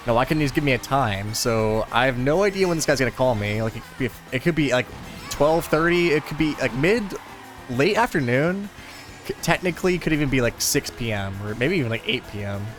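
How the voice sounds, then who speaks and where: Over faint music, a young man with a mid-range, lively voice talks a little fast. He hosts gaming videos and is chatting while he plays a racing game, meandering through a relaxed story packed with fillers.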